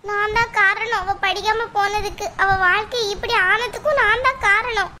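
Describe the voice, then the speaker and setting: A woman's voice: extremely high pitch, fairly even intonation, normal speed, background noise. A woman voicing a grieving middle-aged village mother who laments and blames herself, in a cartoon. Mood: self-blaming. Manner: lamenting, plaintive. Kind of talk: cartoon voice acting.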